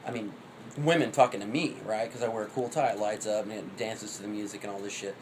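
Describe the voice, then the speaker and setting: A man's voice: lowish voice, steady tone, fast talker, noisy background. A man in his thirties giving rambling, profane dating advice in a cocky, offhand way. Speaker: vlogger.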